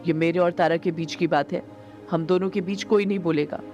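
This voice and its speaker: A woman's voice: medium pitch, animated, normal speed, darkish tone, dull audio, faint music behind, close to an everyday voice. A woman voicing a menacing male villain who commands an army of the dead, speaking in a mock-sweet, taunting way. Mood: angry.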